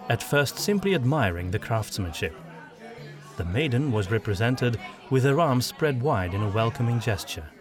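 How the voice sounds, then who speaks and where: A man reading a fantasy audiobook in a measured storytelling manner. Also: lowish voice. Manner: measured storytelling, doing all the voices. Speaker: narrator. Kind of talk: scripted audiobook narration.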